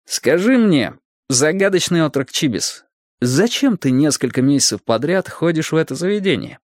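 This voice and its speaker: A man's voice: a little high, sing-song, normal speed, dry recording, studio quality, pitched above the performer's own voice. A man voicing a wry, authoritative older man in a spoken story.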